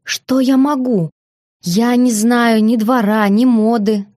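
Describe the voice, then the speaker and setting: A woman's voice: on the high side, slow pace, darkish tone. A woman reading the lines of a hurt, stubborn young duchess, flustered and indignant, in an audiobook.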